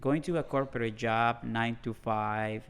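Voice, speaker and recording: A man co-hosting a casual podcast, speaking earnestly in a halting way with frequent restarts. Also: medium pitch, fairly even intonation, a bit bright, clean tone. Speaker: podcast co-host.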